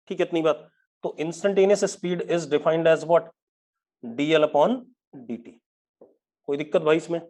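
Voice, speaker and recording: A male physics teacher runs a live online class and speaks with a fairly high voice. He mixes English terms into his Hindi, slows right down to dictate definitions, and keeps asking the students whether it is clear. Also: darkish tone.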